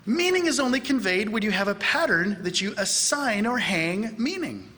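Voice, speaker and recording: At a church conference in a large church hall, a middle-aged man lectures from the pulpit in a high voice at normal speed. He is animated, acting out snippets of dialogue in a raised voice.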